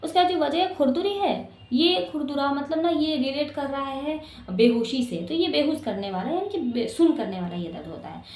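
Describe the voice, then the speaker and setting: A woman's voice: high-pitched, lively intonation, normal speed, hardly any pauses, a little mellow, echoey room. A woman giving an exam-prep lecture, explaining patiently and often checking that her students follow. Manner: explains patiently, checks understanding with "ठीक है" and "clear". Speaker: teacher.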